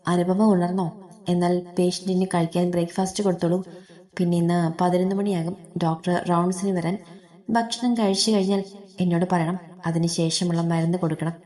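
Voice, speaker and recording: A businesslike hospital nurse giving instructions in a spoken story, voiced by a woman narrator. Her tone is low and mellow. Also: fairly even intonation, brisk, natural voice. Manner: instructive, matter-of-fact.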